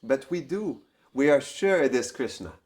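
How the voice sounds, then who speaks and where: A man's voice: mid-range voice, expressive, normal speed, darkish tone, lightly acted. A man telling a story and voicing a bold, insistent young female confidante. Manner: firm, insistent. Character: Vishakha, bold female confidante, sure and scolding.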